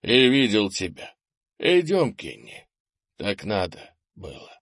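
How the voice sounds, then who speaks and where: A hulking old grandfather warrior, voiced by a man in an audiobook, hoarse and wounded, barking orders in slow, loud bursts. His gruff voice sits a little above the reader's low natural tone. The recording is dry and close. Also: very animated, no echo, full character voice. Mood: grim. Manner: hoarse, grumbling, bossy. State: wounded and out of breath.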